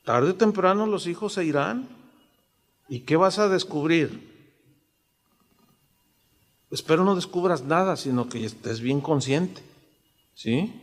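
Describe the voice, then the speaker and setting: A man, preaching a sermon as a pastor in an animated way, often acting out the voices he quotes. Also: a little high, slow, long pauses. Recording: long hall reverb.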